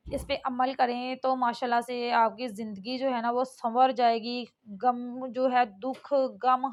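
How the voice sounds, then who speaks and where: A woman's voice: fairly high pitch, dull audio. A middle-aged woman from Pakistan, talking casually and rambling through a home cooking vlog. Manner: chatty and rambling, with frequent fillers and laughs at herself. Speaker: vlogger.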